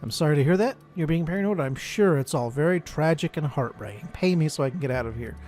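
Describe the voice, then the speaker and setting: A man's voice: on the high side, animated, quick pace, darkish tone. A man hosting a casual game playthrough, reading dialogue options aloud and adding musing, explanatory asides. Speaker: gaming video host.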